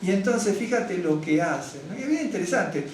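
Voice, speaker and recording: A man, a rabbi, giving a conversational sermon to his congregation. He is lively and digressive, keeps asking "¿no es cierto?", and gets carried away with enthusiasm. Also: high-pitched, fairly quick, background noise. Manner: addresses congregation directly, gets excited. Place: synagogue hall. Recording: very echoey hall, mic at a distance, faint ambience.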